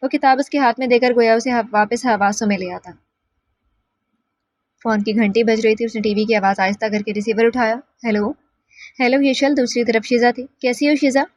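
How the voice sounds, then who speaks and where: A woman narrating a novel as an audiobook reader, in a steady, even way. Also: fairly high pitch, no room sound.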